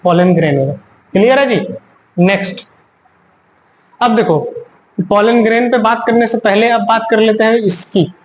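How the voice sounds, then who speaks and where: A high-pitched male teacher in a recorded biology lesson, asking his students a question and then answering it himself, drilling each key term again and again. He slips English science words into his explanations and reads English textbook lines aloud. A faint noise sits behind him. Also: measured pace, long pauses, poor audio. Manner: asks questions and answers them himself, repeating key terms; mixes in English terms and reads English text aloud. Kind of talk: classroom lecture on a recorded video.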